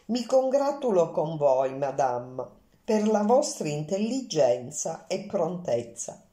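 A woman's voice: deep voice, sing-song, takes it slowly, mellow, reverberant, exaggerated voice. A woman reading Poirot, fussy and courteous. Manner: formal, polite, precise. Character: fussy, courteous middle-aged Belgian male detective.

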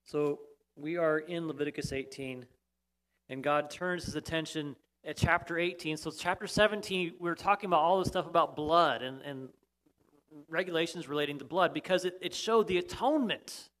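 A man's voice: fairly high pitch, normal speed, a bit bright. A man preaching a sermon, explaining steadily and pressing key points. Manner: explanatory, emphatic at times, with restarts. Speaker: pastor.

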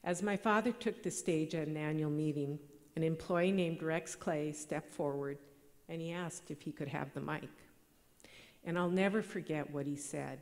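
A middle-aged woman, giving a measured, earnest award acceptance speech at a podium microphone in a large banquet hall. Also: low-pitched. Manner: measured, earnest, read from notes. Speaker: award recipient. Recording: long hall reverb.

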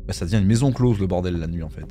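A man commentating a horror game let's play in a jokey, animated way. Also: low-pitched, rapid-fire, soft background music. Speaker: gaming YouTuber.

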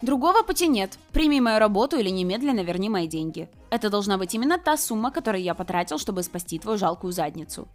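A woman's voice: mid-range voice, very animated, fast talker, few pauses, faint music behind, lightly acted. A woman voicing a rich, cold young man who blackmails a girl, speaking in a curt, commanding way.

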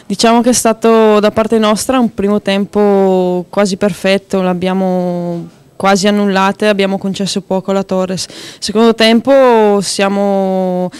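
Clear-voiced young female player, even tone. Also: mid-range voice, no echo. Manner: calm, matter-of-fact. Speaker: football player. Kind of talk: post-match interview. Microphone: handheld mic held by interviewer.

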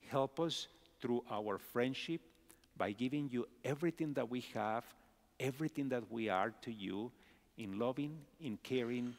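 A middle-aged male pastor giving a children's message, asking the children simple questions. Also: mid-range voice. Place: large church sanctuary. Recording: long hall reverb.

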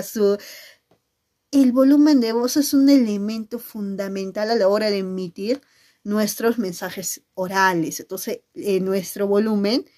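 A middle-aged woman teacher giving a video lesson, talking expressively and often checking in with her listeners. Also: medium pitch. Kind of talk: video lesson on nonverbal communication.

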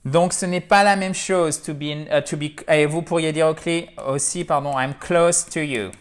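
A man teaching English to camera, lively, clapping and slowly repeating words to stress them. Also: fairly high pitch. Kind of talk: spoken language lesson to camera.

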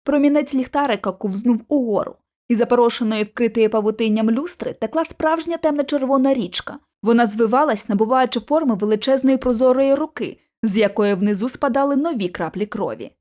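A woman reading an audiobook aloud with clear, expressive narration. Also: a little high, fairly quick, hardly any pauses. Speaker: audiobook reader.

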